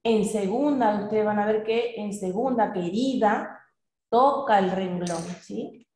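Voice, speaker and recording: A woman walks her students through examples in a recorded class, speaking slowly and asking whether they can follow. Her delivery is measured and steady, at a middle pitch. The recording carries the echo of the room. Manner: measured, asks the students questions. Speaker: teacher. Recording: echoey room.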